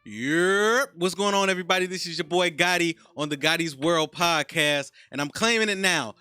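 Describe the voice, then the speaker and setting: A man's voice: normal speed, a little hiss or hum. Laid-back man in his thirties hosting a podcast. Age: 30s. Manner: laid-back, slangy, trails off softly into low mumbles. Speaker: podcast host. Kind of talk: casual interview chat.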